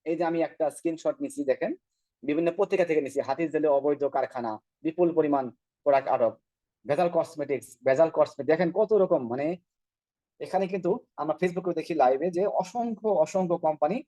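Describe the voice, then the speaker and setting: Fast-talking man presenting slides. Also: a little high, mellow, no room sound. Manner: rhetorical questions, repeated check-ins. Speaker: product trainer. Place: online call.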